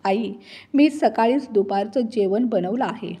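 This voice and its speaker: Woman reading as a feverish young wife, weary and pleading, breathy. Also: mid-range voice, measured pace, mellow.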